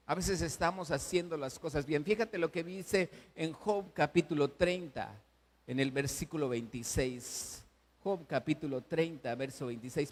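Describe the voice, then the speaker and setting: A man preaching a sermon, slow and earnest, with emphatic rises and hushed endings. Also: a little high. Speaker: pastor.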